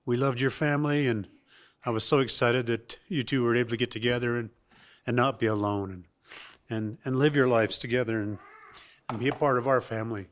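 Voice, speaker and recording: A middle-aged man giving a halting, reminiscing tribute to his mother at a family birthday gathering, with many restarts and laughs. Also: mid-range voice, steady tone.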